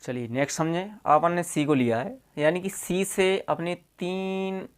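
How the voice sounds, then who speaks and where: A man's voice: sits high, clear, resonant tone. Man explaining words step by step. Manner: colloquial, repeats checks like "okay" and "see here"; spells out letters and repeats example words slowly. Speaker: English teacher. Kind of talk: classroom-style explanation.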